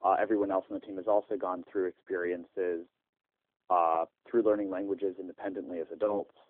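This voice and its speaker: Over a tinny, dry landline, a startup founder gives long interview answers full of "uh" fillers and restarts. His low-pitched voice stays level and moves briskly, with no room sound.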